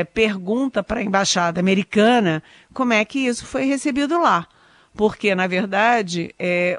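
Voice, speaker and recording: A woman's voice: mid-range voice, no room sound, studio quality. A woman giving ironic, emphatic political commentary on a radio talk show, often repeating herself with fillers.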